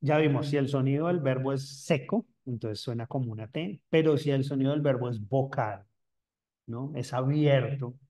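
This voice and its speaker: Young man, bilingual English teacher, repeats each rule in both languages, slows down for examples, mid-pitched voice. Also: mellow. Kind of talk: bilingual grammar lesson.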